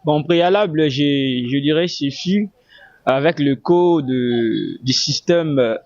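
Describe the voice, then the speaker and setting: A man from the Democratic Republic of the Congo gives halting answers in a street interview, often pausing to search for words. The recording is dry and dull. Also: on the high side, a little mellow, dry recording.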